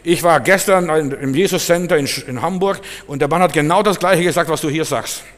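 A preacher doing a loud, accusing young man. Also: a little high, a little fast, pitched above the performer's own voice, close to an everyday voice. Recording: long hall reverb.

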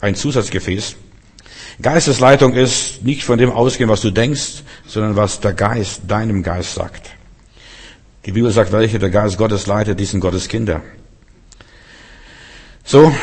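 A man's voice: lowish voice, darkish tone, breathy edge. A man preaching a sermon, emphatic and repetitive, speaking directly to his listeners.

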